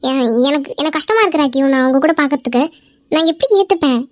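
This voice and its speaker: A woman voicing a jealous, emotional young wife in a cartoon, who pleads through tears and turns sharp and possessive. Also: high-pitched, animated, quick pace, no room sound, studio quality. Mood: tearful, hurt. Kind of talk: amateur cartoon voice acting.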